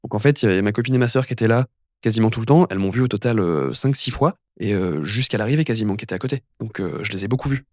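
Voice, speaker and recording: A young man speaks as a guest on a casual podcast, rambling and circling back with plenty of fillers. His voice sits a little low and he talks at a quick clip. The recording is close and dry. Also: lively intonation, darkish tone, dry recording. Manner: rambling, many fillers and restarts. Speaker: guest, physiotherapist and amateur triathlete.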